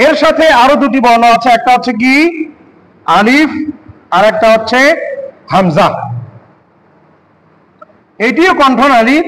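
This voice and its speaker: A male teacher giving a slow pronunciation lesson, asking the class questions and repeating letter sounds again and again. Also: very high voice, lively intonation, fairly bright tone, poor audio. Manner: repeats letter sounds many times in a row. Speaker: Quran teacher.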